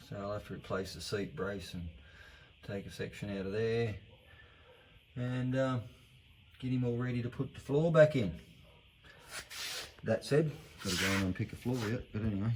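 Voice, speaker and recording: A man's voice: on the low side, darkish tone, a little hiss or hum, poor audio. A man with a broad Australian accent giving laconic, slangy, off-the-cuff commentary in a casual workshop vlog. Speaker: hobby car restorer presenting progress videos.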